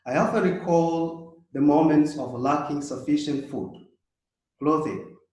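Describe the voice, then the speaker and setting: A man in his thirties from South Sudan, giving a measured, reflective prepared talk as a guest speaker. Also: on the high side, darkish tone. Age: 30s. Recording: very echoey room.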